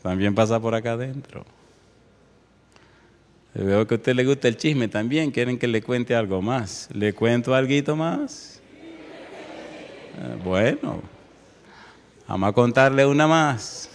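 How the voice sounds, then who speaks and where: A man's voice: mid-range voice, a little slow, pauses often, long reverb tail. A man preaching a sermon from a church pulpit, telling personal stories and pressing the congregation with repeated direct questions.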